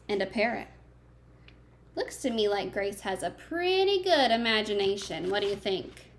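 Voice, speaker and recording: In a somewhat high voice, a woman reads a picture book expressively to young children the way a teacher would, tossing in simple chatty asides and questions for them. There is slight background noise.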